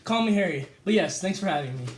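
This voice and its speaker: In an echoey room, a young man with a high-pitched, expressive voice plays an easygoing, famous male escape artist in a mock interview. Speaking slightly raised and casual, he stumbles over words and fills gaps with lots of "uh," with a little hiss or hum on the recording.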